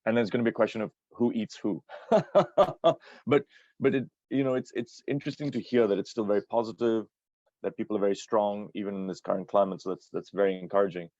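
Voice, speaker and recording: A man's voice: fairly low pitch, fairly even intonation, fast, darkish tone, dry recording, dull audio. A man co-hosting a podcast, asking long, winding questions with many restarts. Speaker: podcast co-host. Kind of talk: interview questions.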